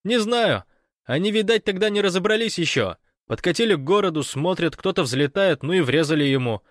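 High yelling phone caller, a male reader voicing him, dry close sound. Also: animated, a little fast, no echo. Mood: agitated. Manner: loud, shouting, cheerful. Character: excitable man on a phone line, shouting news.

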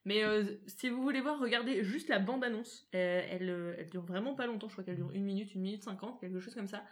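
A woman's voice: medium pitch, fast. A woman co-hosting a casual round-table podcast, talking with many hesitant fillers. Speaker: podcast co-host.

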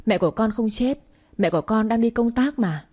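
A woman's voice: on the high side, expressive, a little fast, mellow, husky, voice pushed up. A woman voicing a frightened five-year-old girl who pleads through tears. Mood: tearful pleading. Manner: pleading, tearful.

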